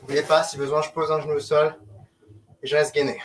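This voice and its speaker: A man coaches a group workout, his high-leaning voice brisk and flat as he gives short, commanding, encouraging instructions. The mic is distant, with a noisy background and clicks.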